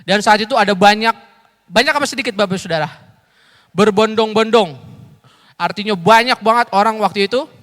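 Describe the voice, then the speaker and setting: In a church sanctuary during a service, a male evangelist in his thirties delivers a lively, interactive sermon, chatting, joking and calling out questions to the congregation. His voice is high and a bit bright, fairly quick but with long pauses, and the recording carries live church hall reverb.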